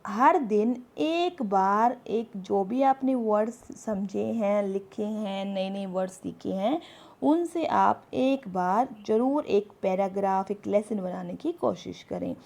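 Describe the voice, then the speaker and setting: Slow, gravelly-voiced woman teacher. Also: medium pitch, expressive, a little mellow. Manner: slow, explanatory, reads English tips aloud. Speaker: English teacher. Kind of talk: spoken English lesson in Hindi.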